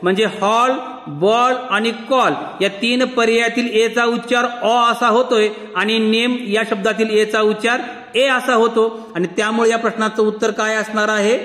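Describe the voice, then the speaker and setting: A man's voice: high-pitched, fairly even intonation, normal speed, fairly bright tone. A man with a Marathi accent teaching an exam-prep lesson, patiently asking questions and answering them himself. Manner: patient, asks and answers his own questions. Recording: echoey room with long reverb.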